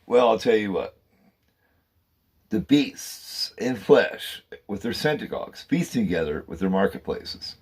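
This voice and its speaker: A man with a low, husky voice rants at length to his viewers in a fervent, repetitive monologue. He keeps circling back, calling out "man" and "guys" as he talks. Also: animated, a little slow, a little mellow. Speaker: channel host. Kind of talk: rambling conspiracy monologue.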